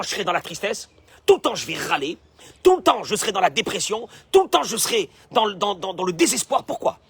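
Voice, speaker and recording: A man's voice: high voice, a bit bright, husky. A rabbi giving a Torah lesson with Hebrew quotations, who acts out the complaining voices he describes and keeps asking rhetorical questions. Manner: fond of rhetorical questions and repeating phrases.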